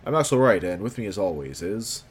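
Low-voiced joking podcast co-host man. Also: big pitch swings, fairly quick, slightly rough. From Idaho, USA. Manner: laughs often, restarts, loose and joking. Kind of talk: casual chat.

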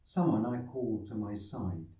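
Slow-speaking priest in cathedral echo. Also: male voice, on the low side, dark tone. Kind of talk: Gospel reading and homily. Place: large echoing church. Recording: cathedral echo, distant microphone, muffled sound.

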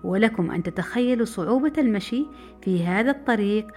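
Fast-talking middle-aged woman storyteller. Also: medium pitch. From Saudi Arabia. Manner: brisk, lively narration. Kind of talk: personal memoir storytelling. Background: faint background music.

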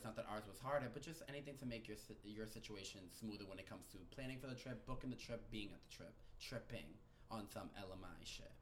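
Male podcast host, campy drag-queen sass, mid-range voice, some background noise. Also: mid-range voice. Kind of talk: casual podcast chat.

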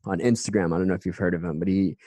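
Very deep-voiced male interviewer, dry. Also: steady tone, dark tone, no echo. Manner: halting, restarts often, many "um"s. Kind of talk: casual interview.

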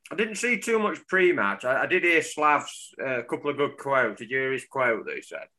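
A man co-hosts a casual football podcast, rambling from one story to the next and joking along the way. His voice is bright and forceful. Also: mid-range voice, very animated, moderate pace. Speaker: podcast co-host. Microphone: remote call, cuts out.

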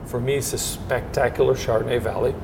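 This man from Portugal, whose first language is Portuguese, is a guest describing his winemaking in an interview. His voice is creaky and a little quick, and he often breaks off to restart sentences while hunting for words. Steady noise and a low rumble sit under the audio.

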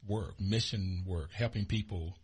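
A man's voice: deep voice, measured pace, husky. A man hosting a radio talk show, a little out of breath and enthusiastic, speaking in a studio. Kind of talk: radio interview.

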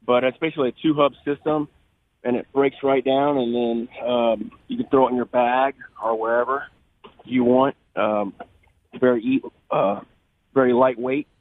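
A man's voice: mid-range voice, steady tone, dry recording. Guy calling in on a tinny phone line, lots of ums, dry sound. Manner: halting, many fillers. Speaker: caller from a hunting gear company. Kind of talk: casual phone interview. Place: at a trade show, on the phone.

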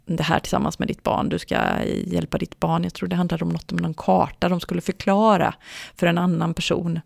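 Podcast co-host, parent, heavy vocal fry, mid pitch, dry close recording. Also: level tone, dry recording. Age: adult parent. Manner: thoughtful, explanatory, with many pauses and fillers. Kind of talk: explaining parenting research in casual podcast chat.

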